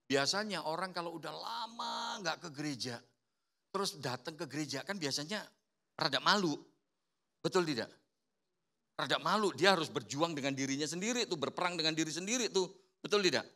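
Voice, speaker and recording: Lively bright-voiced preacher man. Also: on the high side, brisk. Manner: lively, playful storytelling with acted-out quotes. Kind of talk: sermon. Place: church service.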